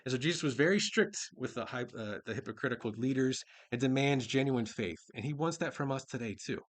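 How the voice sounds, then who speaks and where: A man preaching a sermon in a relaxed, informal way. He reads scripture passages and then retells them in everyday speech. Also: mid-range voice, fairly quick. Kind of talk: casual conversational sermon.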